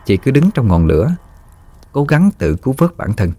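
A man narrating a scripted horror story in a steady, even storytelling manner. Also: medium pitch, moderate pace, slight background noise. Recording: dry studio voice-over with faint music.

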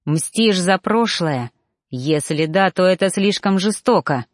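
A woman voicing a possessive young male lover in a storybook reading, talking low and intense. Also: expressive, takes it slowly, no echo, studio quality. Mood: menacing whisper.

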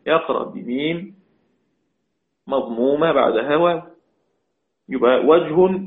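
Man teaching, tinny echoey sound. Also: medium pitch. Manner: repeats key points for emphasis; asks questions then answers them. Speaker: Quran recitation teacher. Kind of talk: religious lesson lecture.

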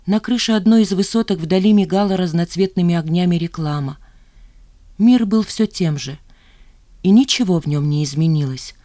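An audiobook narrator reading a novel in an even, measured way. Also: mid-range voice, dry recording, clean studio sound. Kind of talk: scripted narration.

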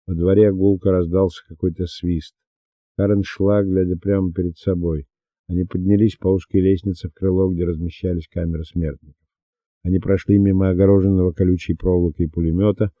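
A man reads a novel aloud in a measured, steady way. His voice is very low. The recording is muffled, with no room echo. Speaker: audiobook narrator. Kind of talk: scripted narration. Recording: dull dry lo-fi recording.

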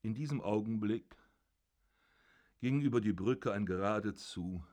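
A man calmly narrating a literary short story for an audiobook. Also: lowish voice, measured pace. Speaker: audiobook reader.

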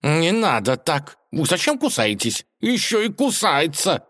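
A man's voice: on the high side, very animated, a little slow, a bit bright, voice pushed up. A man voicing a fussy, awkward male scholar cat in a storybook tale, puffing and grumbling. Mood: flustered.

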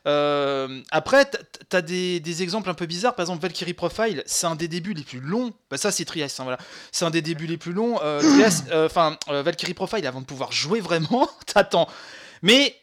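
A man co-hosting a podcast, chatting in a halting way with many restarts and fillers. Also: a little high, lively intonation, fairly bright tone. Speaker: podcast co-host. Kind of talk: casual chat about retro games.

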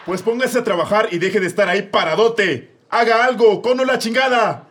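Speaking at a normal speed in a high-pitched, slightly bright voice, a man with a Mexican accent takes the role of a short-tempered, bossy judge. It's a comedy radio drama, and he barks orders with plain exasperation.

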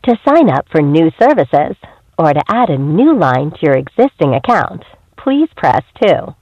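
Recorded phone menu prompt: a woman with a lower, husky voice and a lively lilt, heard over a dull lo-fi phone line. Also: dry recording. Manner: measured, evenly paced prompts. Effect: recorded phone menu message.

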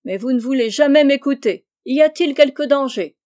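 A woman reading aloud, voicing a fussy, grumbling middle-aged husband who complains loudly. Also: high-pitched, normal speed, voice pushed up, close to an everyday voice. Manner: peevish, complaining, shouted.

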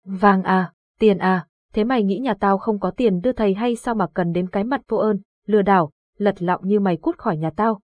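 A woman's voice: mid-range voice, brisk, hardly any pauses, no room sound, dull audio, natural voice. Woman doing a fierce, hot-tempered fat woman. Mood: furious. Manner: scolding through gritted teeth.

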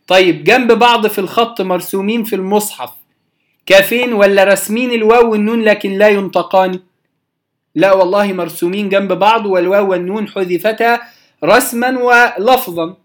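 A man's voice: high-pitched, fairly bright tone. A man with an Egyptian accent giving a recorded lesson on Quran recitation, explaining rules through questions he answers himself and stretching out example words. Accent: Egyptian Arabic. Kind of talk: recorded lecture on tajweed.

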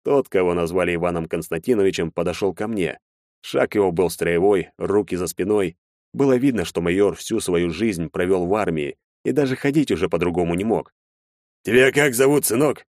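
A man narrating an audiobook in the first person, steady and measured. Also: low-pitched, no echo, clean studio sound.

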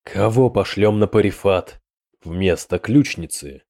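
A man voicing a hot-tempered rotting demon prince who speaks in sharp, fierce outbursts. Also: low-pitched, measured pace, no echo, clean studio sound. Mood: cold.

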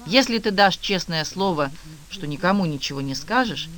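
A man's voice: high voice, expressive, moderate pace, fairly bright tone. A man reading the lines of an anxious, insistent female pediatrician who speaks urgently. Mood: worried.

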